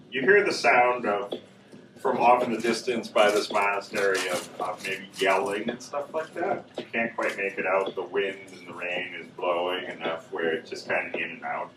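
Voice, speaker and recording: Give me a low-voiced man running a tabletop game in a noisy, echoey convention room. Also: far from the mic. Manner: loose, meandering scene description. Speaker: game master. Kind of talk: improvised narration of a tabletop horror game.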